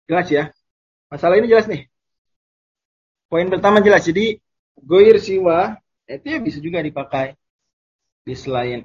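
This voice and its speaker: A man teaching Arabic grammar in a casual online lesson, explaining terms and repeating Arabic examples slowly. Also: on the high side, breathy edge, lo-fi sound.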